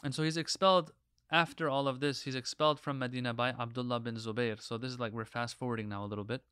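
Male religious lecturer, mid-pitched and crisp, dry recording, delivering history like an emphatic preacher. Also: fairly even intonation, fast talker, fairly bright tone, no echo. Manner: preacher-like, emphatic, with rhetorical questions.

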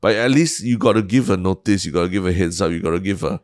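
A Singaporean man chatting casually in colloquial Singlish as a podcast co-host, repeating words haltingly as he thinks aloud. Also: sits low, a little mellow, no room sound, studio quality. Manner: colloquial Singlish with local particles. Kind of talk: casual chat.

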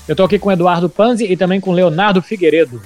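A Brazilian man hosts informal football talk as a sports journalist. His voice is fairly high, and music plays faintly underneath. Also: quick pace, a little mellow. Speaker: sports podcast host and journalist.

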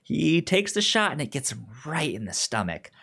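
This podcast co-host's voice is fairly high, gravelly and fairly bright with a breathy edge, very animated at a normal speed. Discussing a film casually, he stammers, repeats words, and enthusiastically acts out lines from the characters.

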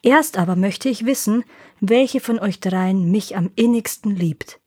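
A woman's voice: mid-range voice, unhurried, mellow, husky, dry recording, clean studio sound. A woman doing an old weary king. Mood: solemn. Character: old weary king, proud and quick to anger.

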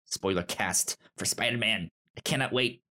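With a fairly low pitch and a sharp tone, the man hosting this casual podcast speaks at a moderate pace. He often stutters, repeating syllables and sounds as he goes.

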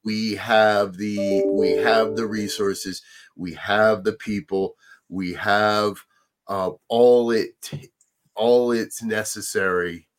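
A man's voice: on the low side, steady tone, slow, soft background music. Earnest male host of a ministers' talk show. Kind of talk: casual chat on current events.

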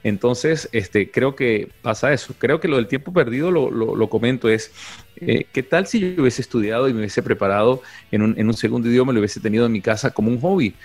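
A man's voice: mid-range voice, brisk. A man talking casually on a podcast, hesitant and full of repeated words and fillers. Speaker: podcast co-host. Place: living in England.

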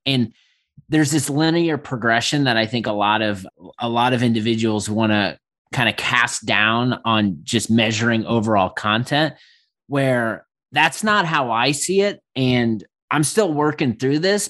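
A man's voice: medium pitch, fairly bright tone. Reflective man co-hosting a podcast. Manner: thoughtful, reflective, talks things through. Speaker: podcast co-host. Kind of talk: casual conversational podcast talk.

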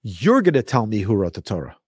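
A man teaching religion like a rabbi, telling stories emphatically with rhetorical questions and deliberate repetition. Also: fairly low pitch, huge pitch swings, a little mellow, breathy edge, no echo, clean studio sound. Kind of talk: lively religious lecture with storytelling.

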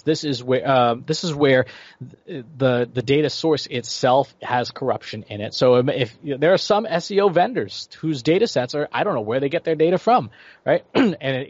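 A man's voice: mid-range voice, animated, normal speed, no room sound. A man in his forties, a guest expert giving explanatory interview answers, lecturing and checking in with "right?". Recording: dry, slightly dull lo-fi audio.

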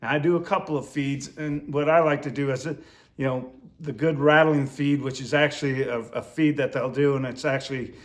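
A man's voice: medium pitch, fairly even intonation, moderate pace. Man giving an informal hands-on lesson. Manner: informal, explanatory, stepwise. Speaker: duck calling instructor. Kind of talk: hands-on instructional demonstration.

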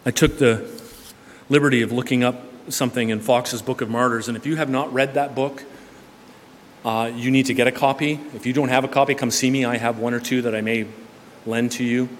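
Male pastor, sermon, conversational delivery, loud-to-hushed swings, mid-pitched voice, long church reverb, faint room noise. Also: fairly even intonation, fairly quick. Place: church sanctuary.

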